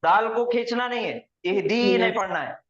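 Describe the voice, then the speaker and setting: A male Quranic Arabic grammar teacher explains patiently, step by step, and drills pronunciation by slowly repeating words for his students. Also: extremely high pitch, expressive, crowd noise. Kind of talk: classroom lesson with students. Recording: roomy, dull lo-fi recording.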